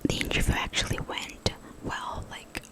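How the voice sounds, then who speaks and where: A young woman whispering in a hushed voice, rambling casually for ASMR in a halting, conversational way. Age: young adult. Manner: hushed voice, pure unvoiced whisper. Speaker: ASMR content creator.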